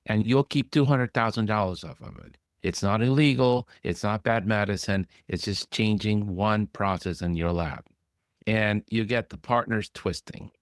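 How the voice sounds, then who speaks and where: A man who is a physician hosting a podcast, talking bluntly in casual conversation and mimicking others in a high whine. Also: normal speed, no room sound, studio quality.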